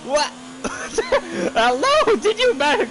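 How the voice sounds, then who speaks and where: Playing a racing game, a French-native gaming YouTuber rambles casually in a very high voice whose pitch swoops wildly. He's easily distracted and bursts out suddenly, while gameplay audio with clear engine noise plays underneath.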